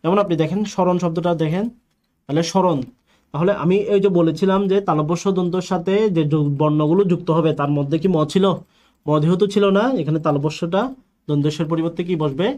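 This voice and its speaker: A man's voice: a little high, steady tone, quick pace, dark tone. A male teacher giving an online grammar lecture, posing questions to the class and answering them himself.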